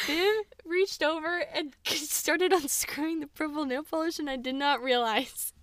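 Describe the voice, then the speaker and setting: A woman's voice: high voice, slow, bright, forceful tone, dry recording, studio quality. A young woman co-hosting a podcast in casual chat, playful and teasing, often breaking into laughter. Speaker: podcast co-host.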